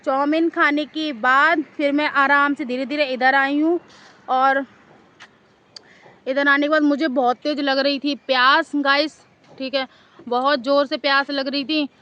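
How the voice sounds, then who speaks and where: A woman's voice: high-pitched, steady tone, unhurried, bright, forceful tone, muffled recording. A woman vlogger casually telling a story to camera outdoors in a park, chatty and rambling, often repeating herself.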